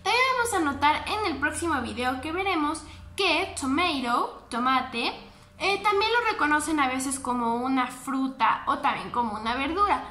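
Bright-voiced Mexican woman teaching kids. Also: high voice, expressive, roomy sound. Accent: Mexican Spanish. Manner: slow, patient word drilling with repetition. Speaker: kindergarten English teacher. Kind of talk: online class for young children.

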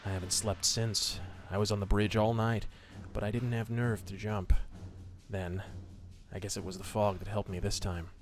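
A man voicing a broke, despairing young man who confesses in a halting way. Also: fairly low pitch, little pitch movement, voice pushed down, close to an everyday voice.

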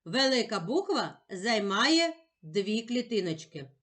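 A woman teacher giving a patient, encouraging lesson for young children, sounding words out slowly and carefully. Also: on the high side, very animated, a bit bright. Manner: slow, carefully sounded-out speech.

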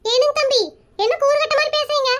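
A woman's voice: very high voice, fairly even intonation, fairly quick, a bit bright. A woman voicing a pushy, chatty married aunt in a cartoon comedy, who plays matchmaker and talks. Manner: brash, nosy, rambling.

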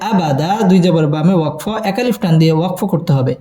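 A man teaching Quran recitation with tajweed, spelling syllables slowly and chanting verses in a drawn-out melodic style. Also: fairly high pitch, dark tone, roomy sound.

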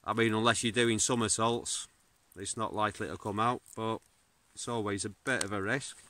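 A man's voice: on the low side, slight background noise. A man, reviewing a knife in a birch forest, talking casually with plenty of fillers. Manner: relaxed, unhurried, many fillers and restarts. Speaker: bushcraft video host. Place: birch forest outdoors, smoky campfire. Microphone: phone or camera at arm's length.

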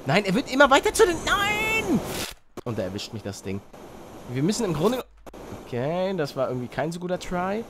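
A young man doing excitable Let's Play commentary, yelping at failures and mixing in English slang. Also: fairly high pitch, brisk, noisy background. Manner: excitable, shouts and yelps at failures; mixes English slang into his talk. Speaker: gaming YouTuber.

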